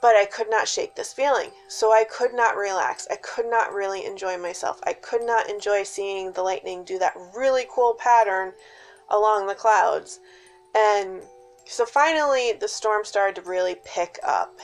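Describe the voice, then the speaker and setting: Female storyteller, mid-range pitch, casual spooky personal tale, suspenseful delivery, hushed dips, emphatic stresses, faint music behind. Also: a little slow, rough recording. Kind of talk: casual spoken personal scary-story telling.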